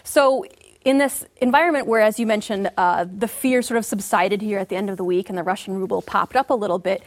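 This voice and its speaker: A woman commodity market analyst giving measured, explanatory answers full of market jargon in an interview. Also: mid-range voice.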